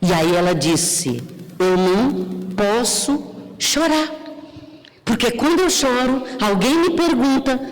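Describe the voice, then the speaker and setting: High-voiced woman lecturing in a hall. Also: very animated, slow pace, soft background music. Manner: chatty, acts out little scenes, checks in with tag questions. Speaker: spiritist lecturer and grief therapist. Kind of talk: lively religious lecture. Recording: echoey hall with long reverb.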